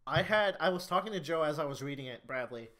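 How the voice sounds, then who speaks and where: A man's voice: a little high, animated, fast, fairly bright tone. A man co-hosting a podcast in casual chat, eagerly steering the discussion along. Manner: enthusiastic, steers the talk. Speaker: podcast co-host.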